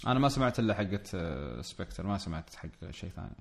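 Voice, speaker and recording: A man with a Gulf Arabic accent and a fairly low voice, talking very fast. He chats casually like a show co-host, throwing out questions and teasing his friends. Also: sing-song, gravelly, slight background noise. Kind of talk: casual chat.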